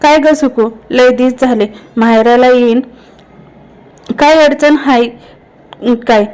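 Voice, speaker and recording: A woman's voice: high voice, takes it slowly, darkish tone, clean tone. A woman voicing a leering young village man, a wastrel, in rustic village speech.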